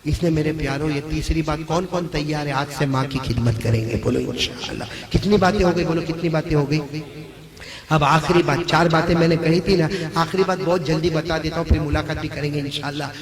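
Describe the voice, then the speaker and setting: A man preaching a dramatic story sermon, swinging from hushed tones to shouts and calling out for the audience to respond. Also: fairly high pitch, fairly even intonation, fairly quick. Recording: loud crowd at a gathering. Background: crowd.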